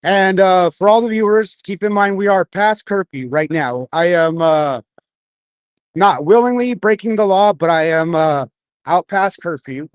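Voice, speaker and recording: A man's voice: high voice, a little slow, dry recording, studio quality. A man reporting live on the street as an independent journalist, rambling informally, his speech slurred by missing front teeth. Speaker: independent journalist, livestream host. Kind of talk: live street commentary and casual interviewing. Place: outdoors on a city street at night.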